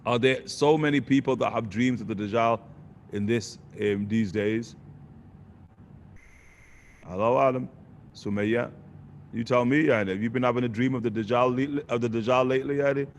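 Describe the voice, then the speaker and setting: A man, teaching in a relaxed question-and-answer lesson and dropping Arabic phrases between points. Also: medium pitch, normal speed, long pauses, a little hiss or hum. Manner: conversational, sprinkles Arabic phrases, asks "you get the point?". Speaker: religious teacher.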